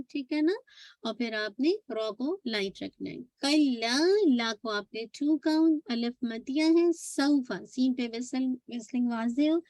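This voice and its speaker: A woman's voice: fairly high pitch, a little mellow, no echo. A woman teaching Quran recitation, patiently demonstrating and repeating each sound. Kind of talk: recitation lesson.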